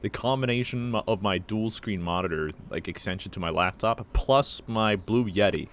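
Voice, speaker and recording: A young American man chats casually as a podcast co-host, his voice sitting very low. He rambles through his story, stopping and restarting with plenty of fillers. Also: moderate pace, slight background noise. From United States. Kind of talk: casual chat.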